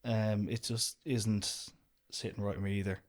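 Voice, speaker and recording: Speaking a bit slowly in a lowish voice, a young man from Ireland talks about running his outdoor business as a guest on a podcast. The conversation is laid-back, and he rambles freely, peppering his speech with "do you know."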